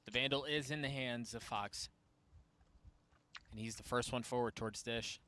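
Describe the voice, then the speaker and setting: A man's voice: mid-range voice, steady tone, normal speed, pushed and bright, clean tone. A man doing esports caster play-by-play on a live match, his voice rising sharply with the action.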